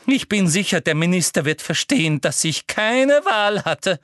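A sugary, menacing female official, voiced by a man reading a storybook. Her voice sits high and sweet with lively swings, recorded dry and close. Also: normal speed, no room sound. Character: sugary cruel middle-aged female official.

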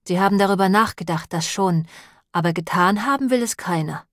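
A woman's voice: medium pitch, brisk, no room sound, studio quality, lightly acted. A woman reading the lines of a nervous, whining priest in an audiobook, plaintive and fretful in tone. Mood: agitated. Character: nervous, whining long-nosed priest man.

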